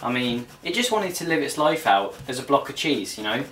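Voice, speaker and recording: Fairly quick and very animated, this young adult narrator has a medium-pitched, fairly bright voice as he jokes his way cheekily through a casual cooking vlog. The setting is a small indoor kitchen, recorded on a home camera a little way off that captures clear background noise.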